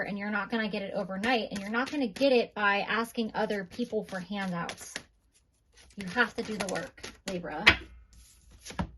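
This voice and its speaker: A woman giving a tarot reading in a gentle, reassuring way, pausing now and then with fillers. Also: a little high, rough recording. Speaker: tarot reader.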